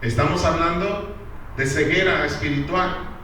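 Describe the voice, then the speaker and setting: A man preaching a sermon, firing emphatic questions at his congregation in a fairly high voice. He sounds a little distant from the mic, and his words ring out through a very echoey church hall over a faint background hum. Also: fairly even intonation, a little slow, sharp tone. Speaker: pastor.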